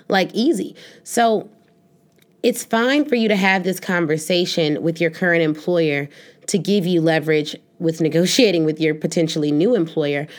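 Low-voiced woman giving chatty career advice. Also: moderate pace. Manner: emphatic, chatty, peppered with "like" and asides. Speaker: career coach and show host. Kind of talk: casual advice talk.

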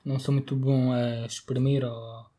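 A young man from the Setúbal area co-hosting a casual podcast chat, clipping his words and filling pauses with "tipo". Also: medium pitch, little pitch movement, mellow. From Setúbal area, Portugal. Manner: clips words, says "tipo" a lot. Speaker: podcast co-host.

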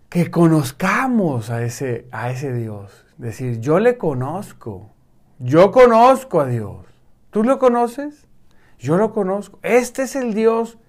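A male preacher giving a sermon to an online congregation, emphatic, repeating words and dropping to soft, intense tones. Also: high voice.

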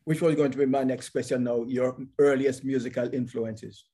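A man's voice: medium pitch, fairly even intonation, normal speed, warm tone. A man interviewing a musician in a casual chat, often answering with short agreements. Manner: frequent backchannels, laughs easily.

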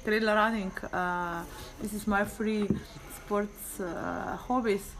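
A woman's voice: mid-range voice, steady tone, slow pace, low-quality recording. Slovenian-accented woman, word-searching English. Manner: hesitant, searching for words. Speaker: guest cyclist. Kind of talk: interview answers.

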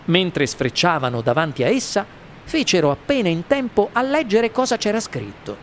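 A man reading a children's story aloud as an audiobook narrator, in an animated, expressive way. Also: high voice, moderate pace.

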